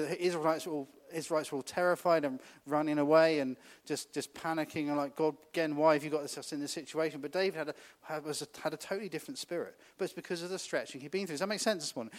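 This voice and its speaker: Male preacher, slightly higher voice, casual sermon delivery with rhetorical questions. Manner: conversational, laughs often, asks the congregation questions.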